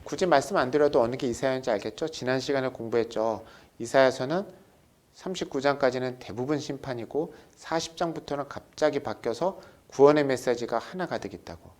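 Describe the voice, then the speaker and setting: A man's voice: mid-range voice, brisk. A middle-aged man teaching a recorded Bible study lecture, asking his listeners questions and reading scripture aloud. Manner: lively teaching, asks the class questions, reads scripture aloud.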